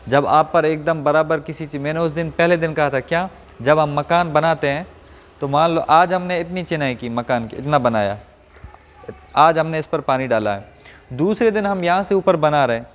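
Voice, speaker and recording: A man from Rajasthan teaching Quran pronunciation to a class, asking questions and modeling each sound slowly. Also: a little high, long reverb tail. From Rajasthan, India. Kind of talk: classroom lesson.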